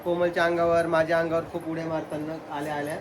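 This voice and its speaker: A man's voice: fairly high pitch, flat delivery, fast, noisy background. A man chatting casually with viewers as a family vlogger. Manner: chatty, talks straight to viewers. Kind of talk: casual family vlog chat.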